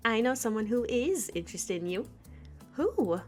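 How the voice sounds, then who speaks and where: A woman's voice: a little high, sing-song, moderate pace, faint music behind. A woman doing a confident flirtatious female boss. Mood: teasing. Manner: teasing, self-assured.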